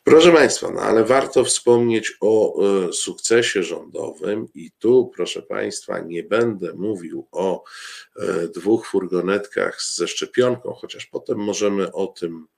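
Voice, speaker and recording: Man, commentator: very low, gravelly voice, slow and halting delivery full of fillers, ironic asides to viewers. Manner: halting, many filler sounds and restarts; ironic, addresses the audience directly. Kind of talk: political commentary show.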